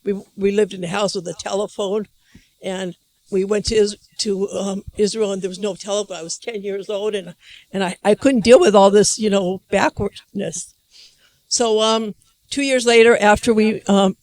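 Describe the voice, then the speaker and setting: Her voice is medium in pitch, steady and slightly dark, moving at a moderate pace. This older woman from the US is giving an emotional, rambling testimony at a conference, restarting often as she speaks into a handheld mic in a hall.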